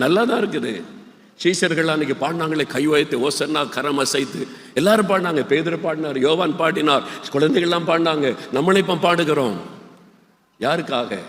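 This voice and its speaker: An older man, preaching a sermon that swings from hushed storytelling to high shouted appeals. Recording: echoey hall.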